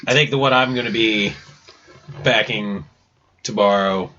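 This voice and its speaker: Easygoing male co-host, sharp bright tone. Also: on the low side, measured pace. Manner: easygoing, short agreeing replies. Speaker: podcast co-host. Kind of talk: casual podcast chat. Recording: dull lo-fi audio with faint noise.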